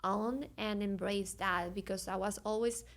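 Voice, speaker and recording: Speaking a little slowly in a steady, medium-pitched tone, this woman from Venezuela has a Venezuelan Spanish accent. She is an earnest podcast guest who hunts for the right English words during a reflective, conversational interview.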